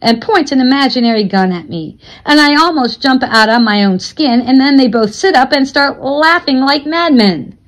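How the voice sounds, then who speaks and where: A woman's voice: high-pitched, lively intonation, moderate pace, few pauses, a bit bright, low-quality recording. A woman reading a novel aloud, giving the characters their own voices.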